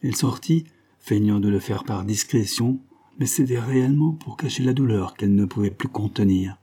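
A man narrating a nineteenth-century love story in a steady, even-toned reading. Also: on the low side, moderate pace, breathy edge. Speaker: audiobook narrator. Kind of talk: scripted literary narration.

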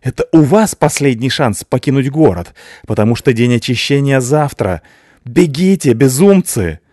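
A man voicing an angry, well-off father in an audiobook, shouting indignantly. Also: medium pitch, expressive, normal speed, no room sound, studio quality, voice pushed up, lightly acted.

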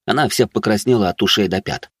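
A man narrating a first-person fantasy audiobook in a low-key, wry way. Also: fast, a bit bright, husky, no room sound, clean studio sound.

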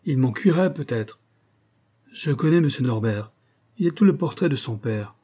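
A man's voice: mid-range voice, lively intonation, moderate pace, warm tone, slightly rough. A man voicing an old male blackmailer who whines with false humility and sly mockery, in a read-aloud novel. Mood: mocking. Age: older. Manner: wheedling, falsely humble, mocking.

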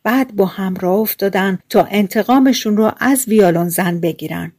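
A woman reading a fairy tale aloud as an audiobook narrator, in a gentle, measured storytelling manner. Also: medium pitch.

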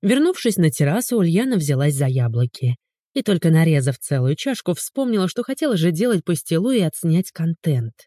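Low, mellow, lively female storyteller. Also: brisk, no room sound, studio quality. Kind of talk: audiobook narration.

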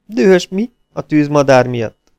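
A man doing a chatty, high-pitched flight instructor. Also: lively intonation, vocal fry, darkish tone, no echo.

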